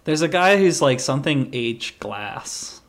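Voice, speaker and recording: A man's voice: medium pitch, expressive, measured pace. Rambling man chatting on a podcast. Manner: rambling, peppered with "like". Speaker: podcast co-host. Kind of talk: casual chat.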